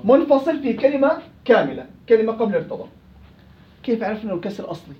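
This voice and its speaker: A man's voice: sits high, very animated, very fast, reverberant, lo-fi sound. A man with a Levantine Arabic accent teaching Quran recitation rules in an interactive class, questioning and prompting his students.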